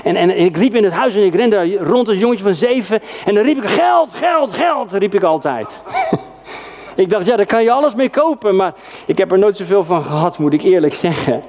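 A middle-aged male preacher from the Netherlands with a fairly high voice. He delivers his sermon in a lively, personal way, with sudden emphatic exclamations. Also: brisk, a little hiss or hum. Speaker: pastor.

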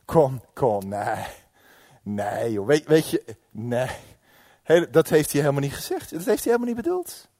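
A man voicing a sly male serpent who tempts in a coaxing, hushed whisper, as part of a sermon's acted story. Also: medium pitch, big pitch swings, measured pace, no echo, studio quality. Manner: wheedling, persuasive.

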